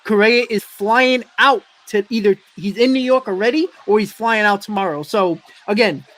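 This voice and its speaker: A man with a high-pitched voice hosts a casual sports fan show. He sounds sick with the flu, his throat froggy and congested. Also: moderate pace, a bit bright. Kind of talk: casual baseball fan talk.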